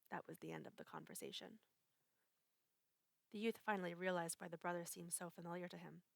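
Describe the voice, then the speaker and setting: A woman narrating a short story as a dramatic reading, measured and expressive. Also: lowish voice, vocal fry, no echo.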